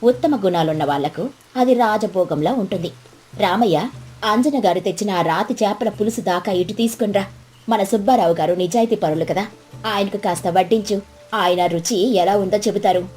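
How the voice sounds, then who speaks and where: A woman's voice: medium pitch, normal speed, a little mellow, faint music behind, voice pushed down, lightly acted. A woman voicing a sarcastic village elder's wife in a storybook tale.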